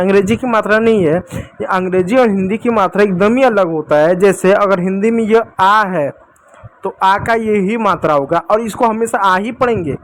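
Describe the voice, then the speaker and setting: A man teaching as an English teacher, explaining patiently to children, running through many example words and asking rhetorical questions. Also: high voice. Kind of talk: classroom lesson explained to children.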